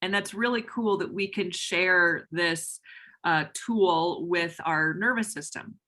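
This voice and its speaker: Bright-voiced, emphatic female yoga teacher. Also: lowish voice, slow pace. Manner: energetic, emphatic teacher's delivery. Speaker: yoga instructor and trainer of instructors. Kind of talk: explaining on a call-in Q&A.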